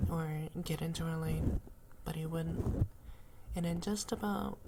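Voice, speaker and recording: A woman plays a gently teasing young woman in an ASMR role-play in the ear cleaning ASMR style. Her soft, breathy soft voice sits low for a woman and moves very slowly. She chats in a caring, unhurried way. Clear background noise runs through the recording.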